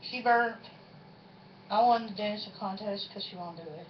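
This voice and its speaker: A woman with a medium-pitched voice talks at a normal speed, hosting a challenge vlog with a partner in a folksy, self-deprecating, informal way. She's indoors at home in a room with a refrigerator, and the recording sounds dull and lo-fi with faint noise.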